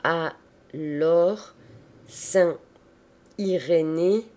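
An adult reading as a solemn little orphan girl, halting. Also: on the low side, a little mellow. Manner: slow, halting syllable by syllable. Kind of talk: storybook reading.

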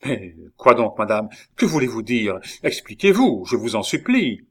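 A man voicing an agitated, vengeful young king who speaks loudly and insistently, sometimes pleading, in a dramatized audiobook reading. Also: medium pitch, sing-song, normal speed, breathy edge.

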